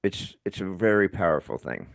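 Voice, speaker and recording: A middle-aged man with a slight lisp tells stories as a podcast guest, frank and self-deprecating. His voice sits low but swings widely in pitch. The sound is dry and close. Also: animated, normal speed, vocal fry, no room sound. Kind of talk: conversational interview.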